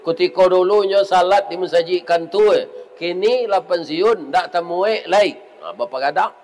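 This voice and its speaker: A man's voice: fairly high pitch, a little hiss or hum, low-quality recording. A man with a Minangkabau accent preaching, telling a story to his congregation and often turning to ask them for a nod of assent. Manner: lively storyteller, keeps asking the audience for assent. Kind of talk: sermon storytelling.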